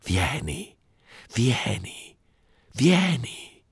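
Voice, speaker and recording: A man reading a story and voicing a female sea siren who calls and coaxes in a hushed, high voice. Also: big pitch swings, drawn-out words, vocal fry, slightly rough, no echo, studio quality, full character voice. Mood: luring. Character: seductive female sea siren calling from the water.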